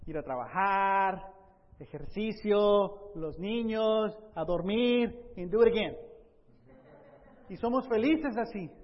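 A man preaching a sermon, lively, asking rhetorical questions and acting out Bible scenes. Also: high-pitched, big-room sound, muffled recording. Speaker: pastor.

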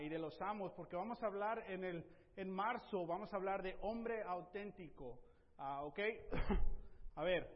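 A middle-aged pastor preaches to his congregation in a high, lifted voice. He urges his listeners on, punctuating points with amens and softening at the ends of phrases. The recording is dull and carries the long echo of a church hall. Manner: exhorting, frequent "amén", drops to soft emphasis at phrase ends. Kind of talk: bilingual church sermon. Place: church sanctuary.

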